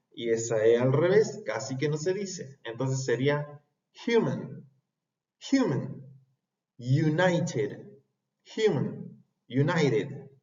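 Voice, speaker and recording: A man teaching a pronunciation lesson, repeating words slowly and carefully. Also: mid-range voice, mellow. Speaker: English teacher. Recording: echoey room, dull lo-fi sound.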